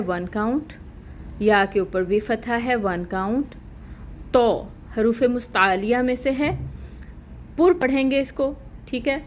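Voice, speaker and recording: A woman teaching an online Quran recitation lesson, explaining each rule slowly and deliberately and stretching out the recited words. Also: medium pitch, slight background noise.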